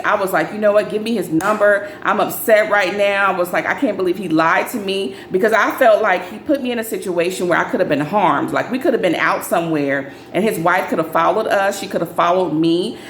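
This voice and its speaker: A young adult woman telling a casual dating storytime, acting out quoted lines in a raised, animated voice. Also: fairly quick, hardly any pauses, a little hiss or hum. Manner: animated, acts out friends' lines in higher voices. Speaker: storyteller vlogger. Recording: echoey room with faint ambience.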